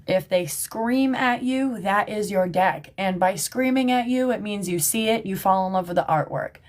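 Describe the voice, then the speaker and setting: A woman's voice: medium pitch, moderate pace. A woman talking casually to her livestream viewers from the shop where she works, chatty and emphatic, often checking in with "okay?" and "right?". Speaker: tarot reader and livestream host. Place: at work in a shop. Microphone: phone livestream.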